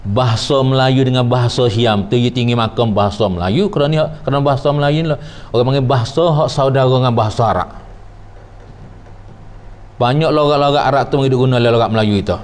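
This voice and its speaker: A man's voice: medium pitch, darkish tone. A man giving a traditional religious book lesson as teacher, repeating words in a loose, rambling way. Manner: repetitive, loosely rambling delivery.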